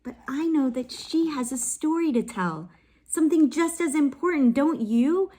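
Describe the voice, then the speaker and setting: Close to the mic, a woman hosts a children's read-aloud, reading a picture book with lots of expression in a high-pitched voice with lively intonation. She stops to ask her listeners questions and sometimes drops into a soft whisper.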